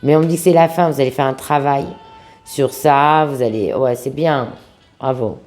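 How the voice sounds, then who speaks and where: A woman with a sick-sounding voice giving an informal tarot reading to viewers, speaking familiarly and affectionately, with halting pauses. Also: very deep voice, darkish tone, faint music behind. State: sick-sounding voice, under the weather. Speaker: tarot reader, host of a video channel.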